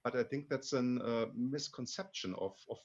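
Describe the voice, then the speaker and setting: A German man with a German accent, a guest in a casual interview about language learning, speaks haltingly, restarting often and repeating words. His voice is medium-pitched and the audio is dull.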